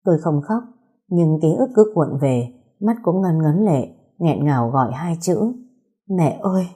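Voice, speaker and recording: Female narrator for a first-person audio story; dark, mellow tone, steady and somber. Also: low voice, measured pace, husky.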